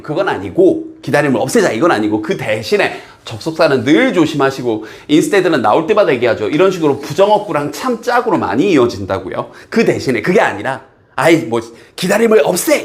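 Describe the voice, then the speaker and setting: A man from South Korea, teaching an English exam passage in a lively lecture, reading English lines slowly and explaining them quickly. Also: a little high.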